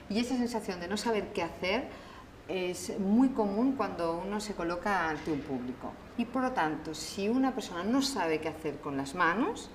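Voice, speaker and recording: Low-pitched woman coach, roomy sound. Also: slight background noise. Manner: calm, instructive, gives step-by-step exercises. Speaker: communication coach. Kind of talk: documentary interview explanation. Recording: roomy interview with faint ambience.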